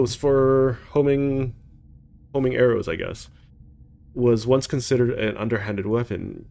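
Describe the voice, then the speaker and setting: A man's voice: lowish voice, vocal fry, darkish tone. A man hosting a video game playthrough, casually commenting and reading on-screen text aloud. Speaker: gaming playthrough host.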